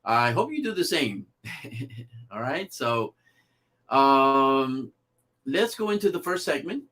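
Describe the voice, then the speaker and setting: A male livestream host chats casually with his viewers, rambling through his thoughts with frequent fillers, restarts and self-corrections. His voice sits at an ordinary middle pitch, sing-song and fairly bright, and he speaks slowly.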